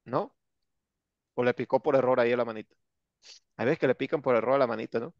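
A male English teacher with a Mexican accent, giving an online lesson in a sarcastic, slangy, joking way. His voice is gravelly with a lot of fry. The sound is dry and dull, like a lo-fi video call. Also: medium pitch, quick pace, no echo. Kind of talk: online class lecture.

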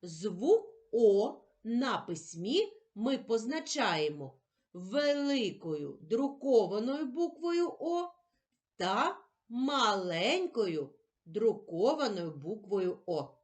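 Very slow, lively sing-song teacher voice. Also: female voice, a little high. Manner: drawn-out, sing-song syllable stressing. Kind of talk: slow, clearly articulated literacy lesson for children.

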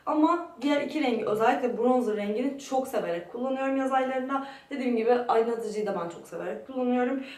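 A woman's voice: on the high side, quick pace, few pauses, darkish tone. A young woman giving a casual product review to camera as a beauty vlogger, in a very echoey room. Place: very echoey room in a friend's home. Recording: echoey room, distant microphone.

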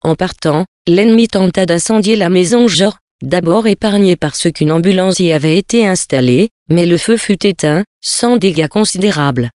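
Measured, grave audiobook narrator, dry close studio sound. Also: medium pitch, a little mellow, no echo. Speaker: audiobook reader. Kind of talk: scripted narration of a novel.

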